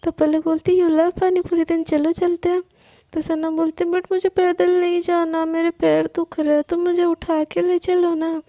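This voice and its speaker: A woman's voice: extremely high pitch, little pitch movement, moderate pace, dark tone, no room sound. A young woman telling a story in a casual, chatty way, voicing both girls' lines herself. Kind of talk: casual storytelling narration with acted dialogue.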